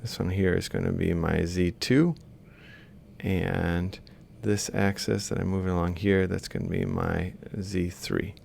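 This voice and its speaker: Steady and unhurried, the man's creaky, darkish voice guides an informal worked-example lecture on robotics. He thinks out loud step by step, drawing as he goes and correcting himself, with a low rumble and faint noise in the background.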